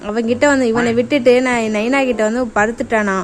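A woman's voice: on the high side, fairly even intonation, fast. A woman vlogging about her cats, chatting to viewers and coaxing her pets in a teasing, baby-talk way. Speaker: cat-owner vlogger. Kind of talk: casual chat to camera and pets. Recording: music playing under the voice. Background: background music.

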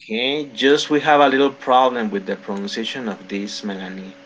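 A man's voice: medium pitch, level tone, moderate pace, highs cut off. A man teaching a beginner English class, patiently correcting pronunciation and encouraging his students.

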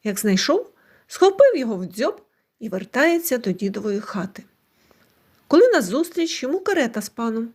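A woman storyteller narrates a folk fairy tale with an expressive, animated reading. Her voice is high and swings widely in pitch, and the lines are clearly scripted. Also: a little fast.

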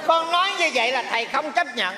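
Brief: man as a wordplay-loving male fortune teller, high, bright voice, on an echoey stage. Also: lively intonation, fast talker, some chatter behind, slight background noise, full character voice. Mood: persuasive. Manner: persuasive, wordplay-heavy, stammering when flustered. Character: fast-talking male fortune teller matchmaker. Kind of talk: stage comedy sketch.

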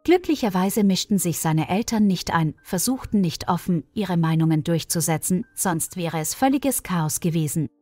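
A woman reading a scripted story in a calm, even storytelling manner. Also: lowish voice, moderate pace, hardly any pauses, dry recording. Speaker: narrator. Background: faint music.

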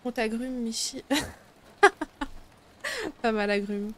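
A woman's voice: a little high, fairly quick. A young woman giving casual, slangy let's play commentary as she reacts to a horror game and her chat. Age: young adult. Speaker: live streamer playing a horror game. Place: small room at home, indoors. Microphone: desk microphone close to the mouth.

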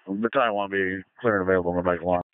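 A man working as a fire battalion chief, making rapid, terse calls over a scanner radio. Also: deep voice, steady tone, dry recording. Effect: scanner radio transmission. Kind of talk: radio dispatch traffic. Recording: tinny dry radio channel.

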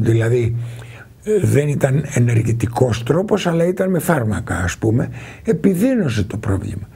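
A man speaking as a doctor on a health talk, in a very husky voice with a gravelly edge. He explains step by step and in a measured way, turning to the viewers with their likely questions. The voice sits dark and mellow. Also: fairly high pitch.

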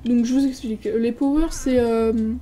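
A woman's voice: on the high side, fairly even intonation, normal speed, warm tone, rough recording. A French woman giving a casual, hesitant commentary while touring a game server, reading signs aloud with lots of filler sounds. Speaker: gaming video creator.

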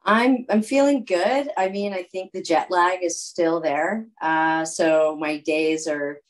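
Woman, thirties, low voice, relaxed and rambling, video call from home. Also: slow pace, low-quality recording. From California, United States. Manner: relaxed, rambling, with fillers and restarts. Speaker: guest, athlete. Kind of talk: casual video call interview. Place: home room.

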